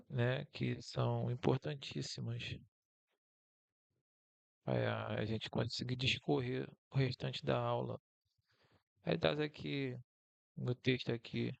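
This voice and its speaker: A man's voice: mid-range voice, gravelly, dry recording. A Brazilian man with a Brazilian Portuguese accent giving a casual, encouraging online lesson as a teacher, talking through slides.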